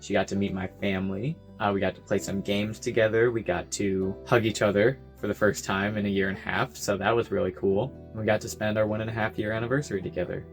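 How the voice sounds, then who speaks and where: A young man talks straight to his camera from his bedroom, loose and rambling. He cracks goofy jokes at himself and keeps going off on tangents. Faint music sits low underneath. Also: flat delivery, quick pace, hardly any pauses. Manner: goofy, rambling, self-mocking asides. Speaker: vlogger. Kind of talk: casual year-recap vlog.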